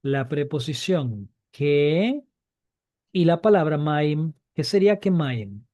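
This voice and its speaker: A man's voice: fairly high pitch, lively intonation, takes it slowly, warm tone, no room sound. A man teaching Biblical Hebrew, repeating key points and asking his students questions. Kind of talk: online class lesson.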